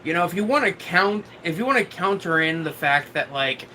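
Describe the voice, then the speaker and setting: A man livestreaming while drunk, chatting casually and haltingly as he answers viewers, often losing his thread and swearing now and then. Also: a little high, lively intonation, bright, forceful tone, a little hiss or hum, poor audio. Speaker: livestream host.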